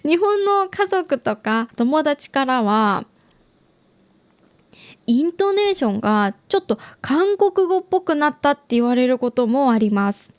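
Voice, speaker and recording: A young adult Japanese woman hosting an easy-Japanese learning podcast, explaining gently and chatting with listeners. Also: sits high, big pitch swings, unhurried, no echo. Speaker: podcast host teaching Japanese.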